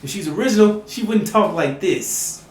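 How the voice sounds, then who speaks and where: Guy preaching hard at his listeners, keeps asking you see, high voice, roomy echo. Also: lively intonation, moderate pace. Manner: emphatic, repeats "you see?" often, rising to shouts. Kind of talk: impassioned preaching monologue.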